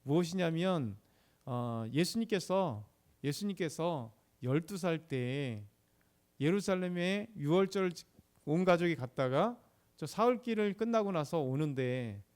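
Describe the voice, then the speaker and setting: A man's voice: fairly high pitch, animated, measured pace, a little mellow. A middle-aged male pastor giving a sermon in a conversational way, often asking the congregation short questions.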